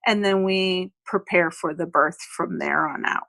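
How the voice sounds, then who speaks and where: Female guest expert, midwife, slow measured explainer, dry close mic. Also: on the low side, creaky, pushed and bright, no echo. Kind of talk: explanatory interview talk.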